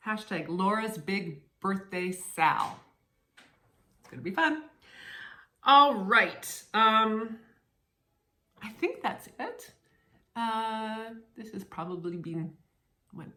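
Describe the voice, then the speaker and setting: A woman chatting casually on her cross stitch vlog, playful and warm with friends, often repeating words as she restarts. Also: medium pitch. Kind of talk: casual chat to camera. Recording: roomy echo.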